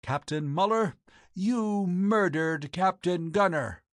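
A man's voice: fairly high pitch, very animated, a little slow, no echo, studio quality. A man reading the lines of a proud, cold woman who keeps a boarding house, speaking formally and accusingly. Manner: formal, accusing, coolly biting.

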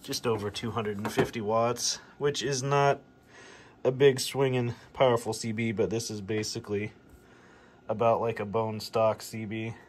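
The host of a radio repair video, his voice on the low side, keeps a steady tone at normal speed. He walks through a practical demonstration in a relaxed, straightforward way inside his workshop, with clear background noise.

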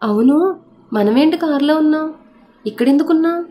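A woman's voice: high-pitched, animated, normal speed, highs cut off, slight background noise, pitched above the performer's own voice. A woman voicing a smug rich young man. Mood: brisk. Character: rich arrogant young man, teasing and commanding.

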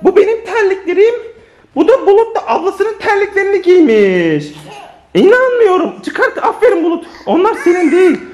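Playful woman vlogging at home, lively high voice. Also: normal speed. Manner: playful, teasing, talks to viewers and kids. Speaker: family vlogger. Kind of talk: casual family vlog chat to viewers. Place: inside a family home.

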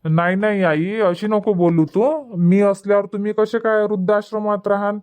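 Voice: mid-range voice, steady tone, normal speed, clean tone, close to an everyday voice. A voice actor playing a pleading, henpecked grown son in a cartoon comedy, with a whiny manner. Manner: pleading, whiny, soft-spoken.

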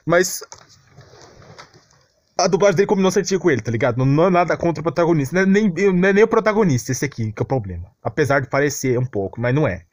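Racing along in a very animated way, this young Brazilian man vents about anime in slangy, unscripted commentary, sounding fed up and complaining. His voice is on the high side, and the recording has no echo.

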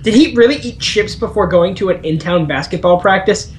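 A man's voice: high-pitched, brisk, a little hiss or hum. A man chatting casually with a friend while gaming, rambling through his points with lots of fillers and giggles. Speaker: gamer.

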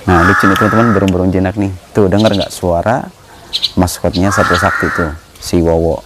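A young man with a low voice talks casually on his phone camera outside among bird cages. He chats with his viewers and coaxes the birds. Birds chirp over the clear hiss of a noisy recording. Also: fairly even intonation, brisk. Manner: chatty, talks to birds in a coaxing voice. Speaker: vlogger and bird keeper. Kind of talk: casual vlog chat.

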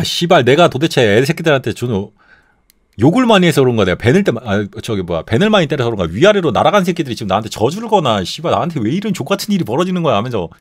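A middle-aged man hosting a casual live stream, telling stories in a rough, profane, animated way. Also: medium pitch, dry recording. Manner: profane, animated storytelling with constant swearing. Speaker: streamer host.

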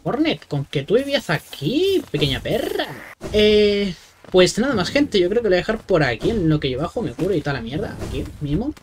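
A man's voice: high voice, sing-song, a little fast, a little hiss or hum. A man doing casual let's-play commentary like a scared horror game streamer, jumpy and swearing freely. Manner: foul-mouthed. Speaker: gaming streamer.

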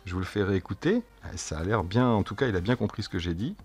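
A man casually demonstrating a gadget as a tech reviewer, chatty and jokey, and speaking his test phrases slowly and clearly. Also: fairly low pitch, expressive, darkish tone. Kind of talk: casual product demo.

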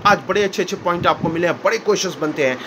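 A man teaching a school history lesson, explaining step by step, acting out quotes and often checking with "clear?". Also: high-pitched, racing, background noise. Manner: explanatory, keeps asking "clear?" and acts out quotes.

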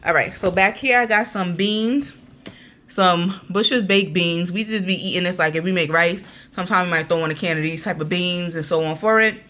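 A woman's voice: fairly low pitch, moderate pace, pushed and bright. A woman, chatting casually to viewers through a grocery haul vlog in her apartment kitchen. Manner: chatty, talks straight to viewers as y'all. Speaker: vlogger. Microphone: handheld phone camera.

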